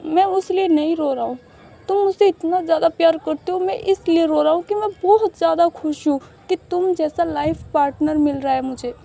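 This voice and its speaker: A woman's voice: extremely high pitch, a little fast, creaky, warm tone, voice pushed up. A woman voicing a sweet, shy young man who is easily flustered and tearful, gushing and mixing in English phrases. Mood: emotional.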